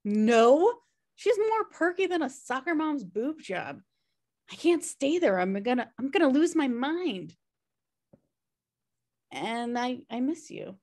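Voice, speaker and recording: A woman reads the part of a messy, guilt-ridden, wry sister in a sitcom table read over a video call from a room at home, pleading for her brother like a younger-at-heart woman. Her exaggerated voice sits high with big pitch swings and a darkish tone, slow with long pauses. She sounds apologetic and wry, rambling hesitantly and self-deprecatingly.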